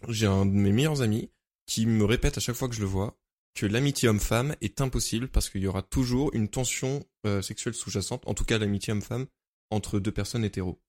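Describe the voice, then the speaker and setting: A man's voice: lowish voice, a little fast, a little mellow. A man co-hosting a podcast, chatting casually with the others. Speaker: podcast co-host. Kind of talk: casual chat.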